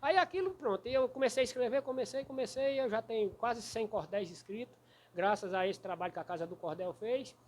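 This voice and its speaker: A man from Rio Grande do Norte with a Potiguar accent, a cordel poet telling stories in an interview in a folksy, animated way. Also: very high voice, a little fast. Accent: Rio Grande do Norte Brazilian Portuguese. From Santo Antônio do Salto da Onça, Rio Grande do Norte, Brazil. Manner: folksy, animated storyteller who taps out verse rhythm. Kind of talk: storytelling interview.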